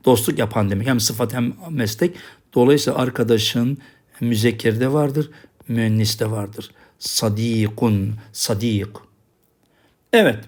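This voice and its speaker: A man's voice: mid-range voice, creaky, a little mellow, breathy edge. Patient man teaching a language lesson. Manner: patient, drills each word twice with repeated checks. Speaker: Arabic teacher.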